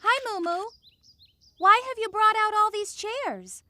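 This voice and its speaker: A performer voices an eager, friendly child character in a kids' cartoon, explaining things simply in a high, bright, childlike voice. The delivery is unhurried and heavily acted, with slight background noise.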